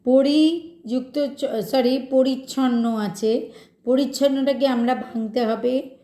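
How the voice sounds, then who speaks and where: A woman's voice: high voice, steady tone, slow, mellow, reverberant. A woman teacher giving a grammar lesson, patiently asking her students questions and working through examples.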